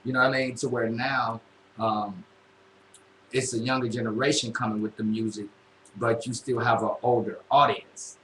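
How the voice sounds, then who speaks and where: A man's voice: mid-range voice, fairly even intonation, moderate pace, a bit bright. Laid-back man hosting a radio chat. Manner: laid-back, drawling, many fillers. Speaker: radio host. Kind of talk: casual interview chat. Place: radio studio room. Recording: echoey room, faint noise.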